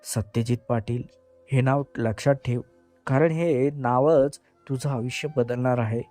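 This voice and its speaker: A man voicing a cold, cruel male abductor in an audio story, speaking with calm menace. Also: medium pitch, unhurried, soft background music, natural voice. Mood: cold menacing.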